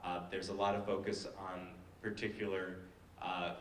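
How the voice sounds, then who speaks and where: Deep-voiced hesitant man on a panel. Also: level tone, normal speed, recorded from a distance, slight background noise. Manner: hesitant, many fillers and restarts. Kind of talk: panel discussion. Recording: echoey hall, voice from afar.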